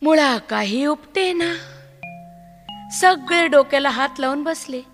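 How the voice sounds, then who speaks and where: A woman reading a children's story aloud, expressive and sing-song, in a hall with long reverb and faint music behind. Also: a little high, a little slow.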